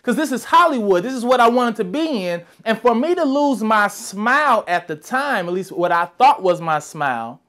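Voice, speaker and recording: A young man with a fairly high voice gives a motivational talk. He tells his story with lively energy and acts out the other people's voices as he goes. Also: normal speed, hardly any pauses. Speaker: motivational speaker.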